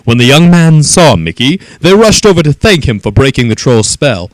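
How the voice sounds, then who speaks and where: A man reading a children's story aloud in an expressive, animated way. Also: mid-range voice, normal speed, dry recording.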